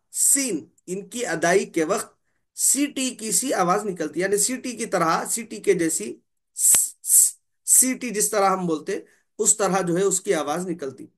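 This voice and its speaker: A man teaching a tajweed lesson on Quran recitation. He demonstrates each letter sound slowly, repeats it, and often clears his throat. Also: high voice.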